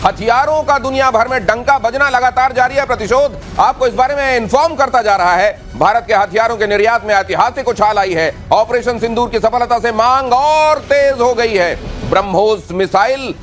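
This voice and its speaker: A man's voice: very high voice, normal speed, few pauses, a bit bright, soft background music. A man anchoring a TV news debate in a studio, reading bulletins with dramatic, rhetorical flair.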